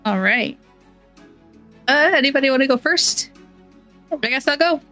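A woman's voice: sits high, lively intonation, measured pace, bright, forceful tone. A woman plays a tabletop game, chatting casually with the group. She takes her time over her words, and faint music runs behind her. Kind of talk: casual play chat.

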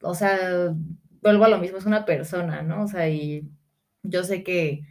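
A woman's voice: lowish voice, fairly even intonation, measured pace. A woman co-hosting a podcast, telling a story at length in a rambling way and acting out what other people said. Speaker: podcast co-host. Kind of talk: casual podcast chat.

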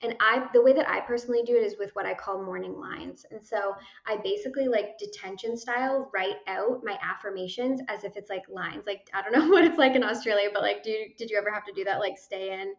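A woman's voice: mid-range voice, fast, hardly any pauses. A young woman talking casually as a guest, chatty, swearing freely and filling her speech with "like" and "you know.". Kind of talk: casual chat. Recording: roomy, dull lo-fi sound.

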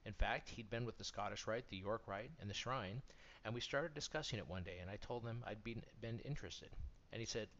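A man reading magazine articles aloud in a steady, measured way, as scripted narration. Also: fairly low pitch, a little hiss or hum. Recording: dull lo-fi recording.

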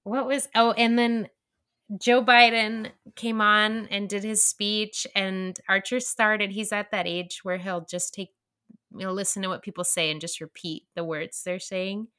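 A young woman co-hosting a podcast in casual chat, earnest and halting, with many fillers and restarts. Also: medium pitch, level tone, sharp tone, clear, resonant tone. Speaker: podcast co-host.

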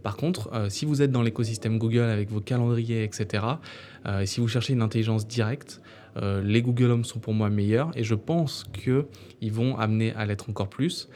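A man hosts a tech podcast in a relaxed, conversational monologue. His voice sits low and mellow, and he often fills his pauses with a soft "euh". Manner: conversational, frequent filler "euh". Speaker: podcast host.

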